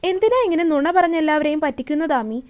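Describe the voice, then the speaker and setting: A woman's voice: high voice, quick pace, a little mellow, lightly acted. A woman voicing a serious, blunt young woman who speaks plainly and directly.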